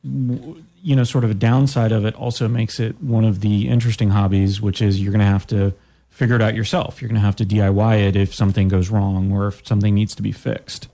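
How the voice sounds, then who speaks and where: A man's voice: on the low side, flat delivery, a little fast, gravelly, dark tone. A man being interviewed, explaining his hobby in a casual, easygoing way with dry humor. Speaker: interview guest, typewriter hobbyist.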